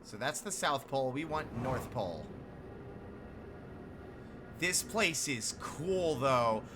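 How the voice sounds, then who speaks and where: A man commentating his own gameplay, thinking aloud and bursting into excited exclamations. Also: medium pitch, slow pace, background noise. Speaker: streamer playing a video game. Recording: game music behind.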